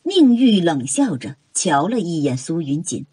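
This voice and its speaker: A woman narrates a novel with dramatic, expressive storytelling. Her voice is husky and slightly low, with lively pitch swings. The recording is dry and close. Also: unhurried, no room sound. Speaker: audiobook narrator.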